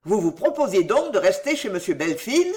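A woman reading the part of an agitated, jealous young gentleman, tense and commanding in manner. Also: medium pitch, big pitch swings, moderate pace, lightly acted.

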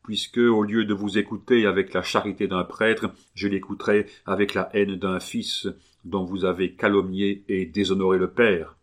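Guy doing a stern monk, firm and a bit louder, low voice. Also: flat delivery, moderate pace, lightly acted. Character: stern young monk, grave and controlled.

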